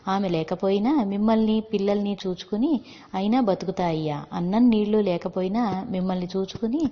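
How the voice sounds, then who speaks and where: A woman's voice: mid-range voice, fairly quick, natural voice. A woman voicing a devoted male village servant who is grieving, speaking in a pleading, heartfelt way in a storybook reading. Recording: dull lo-fi with long reverb.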